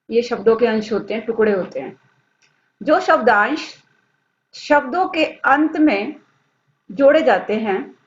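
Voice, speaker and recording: A woman teaches a grammar lesson in a fairly high voice and speaks very slowly and deliberately. She asks her pupils questions and then answers them herself. The audio is dull and lo-fi. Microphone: screen-recorded lesson.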